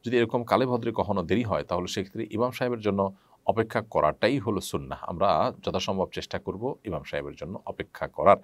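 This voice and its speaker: A man with a Bangladeshi Bengali accent, an Islamic scholar reading out viewers' questions during a live session and answering them in a measured way with frequent "ah" fillers. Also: low-pitched, no echo.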